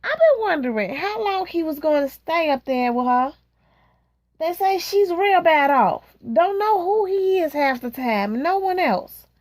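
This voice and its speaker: A woman's voice: extremely high pitch, big pitch swings, unhurried, no echo, pitched above the performer's own voice, exaggerated voice. A woman reading aloud, voicing a nosy neighbor woman who gossips eagerly with a friend. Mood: gossiping.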